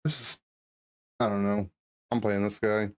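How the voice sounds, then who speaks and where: A man's voice: fairly low pitch, level tone, a little slow. A man live-streaming a video game, casually chatting and teasing his viewers as he answers their messages. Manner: teasing, reads and answers chat.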